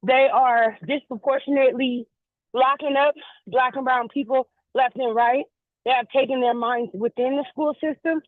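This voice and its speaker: Woman, radio call-in caller, over a tinny phone line, high voice, dry sound, earnest. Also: steady tone, moderate pace, dry recording. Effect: heard over a phone line.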